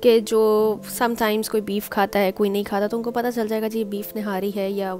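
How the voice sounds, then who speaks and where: This woman, host of a home cooking channel, gives a casual step-by-step table-setting demonstration at home, dropping in English words. She talks at a moderate pace with a medium-pitched, darkish, flat delivery, and faint music plays behind her.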